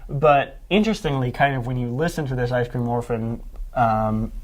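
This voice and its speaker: A young man hosts a music podcast in a loose, rambling way. He fills his talk with "um" and "you know" and restarts his sentences, at a middle pitch. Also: moderate pace. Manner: rambling, many fillers and restarts. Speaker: podcast host. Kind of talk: casual music podcast chat.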